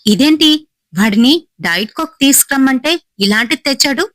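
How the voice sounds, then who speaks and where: A woman's voice: high voice, animated, fairly quick, fairly bright tone, no room sound, voice pushed up. A woman voicing a spoiled, short-tempered actress scolding her assistant. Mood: irritated scolding. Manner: scolding, irritated.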